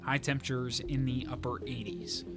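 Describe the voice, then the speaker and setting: A man's voice: mid-range voice, little pitch movement, normal speed. A man reading a scripted radio weather forecast as a meteorologist. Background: music bed.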